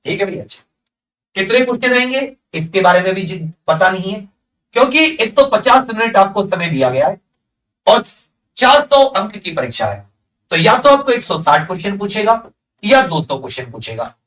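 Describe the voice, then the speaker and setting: An exam coaching teacher with a North Indian accent gives students an emphatic exam update, asking questions and answering them himself in a familiar, big-brotherly way. His voice sits high and sing-song, fairly bright, at normal speed, recorded from a distant mic in low quality.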